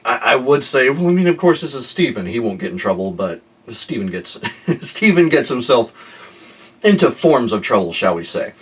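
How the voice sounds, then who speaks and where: A man's voice: mid-range voice, big pitch swings, normal speed, breathy edge, far from the mic. A man hosting a casual reaction video, giggly and chuckling often, talking while he chews gum. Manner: talks while chewing gum. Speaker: host of a reaction and review series.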